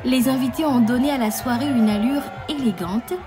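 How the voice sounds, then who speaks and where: A woman reading a scripted television report voice-over in a measured, polished way. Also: on the high side. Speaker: voice-over narrator. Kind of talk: scripted narration. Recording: music bed under voice.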